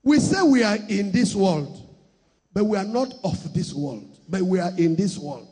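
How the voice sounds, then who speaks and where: Nigerian pastor, high raspy voice, shouts then drops quiet; sermon in a reverberant church hall. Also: male voice, expressive, a little slow. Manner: shouting preacher, swings from loud declarations to soft asides.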